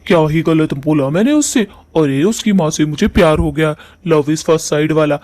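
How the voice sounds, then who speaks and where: A shameless old father-in-law from a cartoon story, voiced by a man wheedles and drawls. His voice sits a little high. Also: darkish tone, lightly acted. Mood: wheedling. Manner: wheedling, drawn-out.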